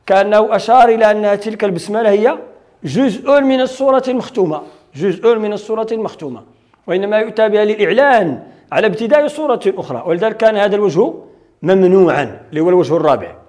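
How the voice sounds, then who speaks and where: A man's voice: high-pitched, animated, racing, a little mellow. A man with a Moroccan accent teaching Quran recitation rules in a classroom lecture, explaining step by step and answering his own questions.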